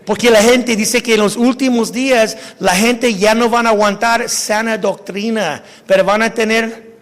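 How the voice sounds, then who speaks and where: A male pastor with a very high voice preaches a sermon, pausing now and then to hunt for the right word and breaking off mid-word. His voice carries a long, lingering reverb from the church hall around him. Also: steady tone. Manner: halting, searches for words, restarts mid-word. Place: church sanctuary.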